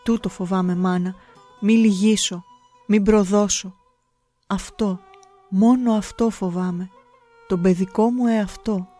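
A woman's voice: mid-range voice, steady tone, pauses often, warm tone, faint music behind, lightly acted. Storybook boy, defiant but scared, pleading hard; woman reader. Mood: anxious. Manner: earnest, vehement pleading.

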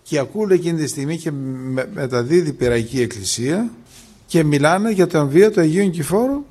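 A man's voice: on the high side, husky. Greek man retelling a miracle story. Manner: animated retelling, constantly repeating "he says", acting out quoted dialogue. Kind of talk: religious storytelling talk.

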